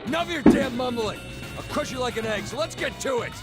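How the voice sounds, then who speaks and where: A man's voice: very high-pitched, animated, fast talker. A man playing a hot-headed, confrontational young delinquent brawler in an anime fighting game. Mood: threatening. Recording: game music behind.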